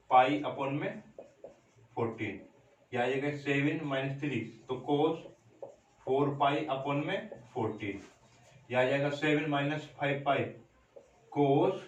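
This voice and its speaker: A man's voice: mid-range voice, far from the mic, muffled recording. A man, teaching a maths lesson and explaining each step, often asking his students how much it comes to. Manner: steady step-by-step explaining, repeated check-in questions to students. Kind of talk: classroom lecture at a board. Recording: roomy echo, voice from off mic.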